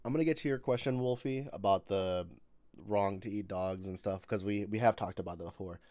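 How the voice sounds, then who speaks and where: A man's voice: on the low side, brisk, darkish tone, dry recording. A young man from Chicago with a Chicago accent, hosting a casual live-stream chat and rambling through questions with lots of fillers. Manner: rambling, many fillers and restarts. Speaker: streamer host.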